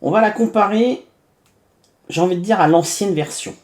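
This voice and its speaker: A man's voice: sits high, moderate pace. A man from France hosting a casual unboxing review, chatty and full of hesitations and little asides as he narrates each step. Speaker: tech reviewer.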